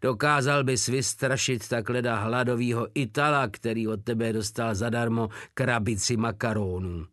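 A man's voice: mid-range voice, steady tone, hardly any pauses, fairly bright tone, no room sound, clean studio sound, natural voice. A man voicing a sly, wisecracking male soldier who talks down to his rival in a mocking, mock-fatherly tone. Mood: scornful. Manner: condescending, mock-fatherly teasing.

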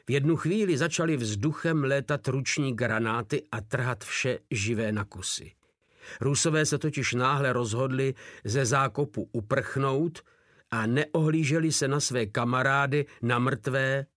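A man's voice: medium pitch, fairly bright tone, dry recording. Give me a man narrating a grim war audiobook, dry and close. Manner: grim, dramatic first-person reading.

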